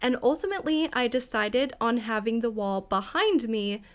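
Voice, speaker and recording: Narrating a game build at normal speed, a young woman gaming creator keeps things casual and chatty in a fairly high-pitched voice. She comes across as over-caffeinated, excitable and rambling, with frequent giggles between phrases.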